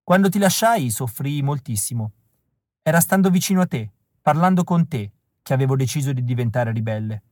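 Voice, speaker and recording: A man reading an audiobook, voicing a tender and resolute rebel woman in a soft, earnest, measured way. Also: medium pitch, animated, no room sound, clean studio sound, close to an everyday voice.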